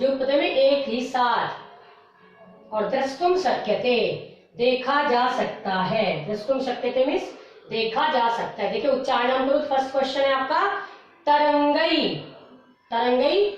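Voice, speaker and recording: A high-pitched woman takes a class slowly through a vocabulary list. She repeats each word and corrects pronunciation with steady patience. Her voice sounds far from the mic, with heavy room echo, a dull lo-fi tone and faint music underneath. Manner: slow, patient, repeats words for pronunciation drill. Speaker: Sanskrit teacher. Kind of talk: classroom lesson explaining word meanings.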